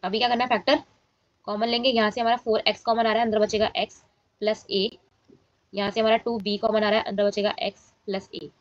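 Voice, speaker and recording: A woman's voice: medium pitch, level tone, fast, no room sound, dull audio. A woman teaching a maths lesson and explaining each step aloud, often checking in with her students.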